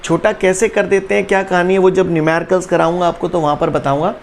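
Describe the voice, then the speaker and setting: In an online physics lecture, a man with a high, gravelly voice talks fast in a flat delivery. He teases and coaxes his students, repeatedly asks whether they follow, and drills them in rote chants. A faint hiss runs underneath.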